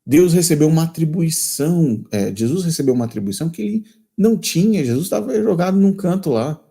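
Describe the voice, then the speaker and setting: A man's voice: a little high, expressive, brisk, gravelly, dark tone, husky. A man with a Brazilian accent hosting a critical commentary, reading quotations aloud and repeating his points with scornful emphasis. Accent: Brazilian Portuguese. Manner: emphatic and repetitive, restating lines. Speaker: channel host.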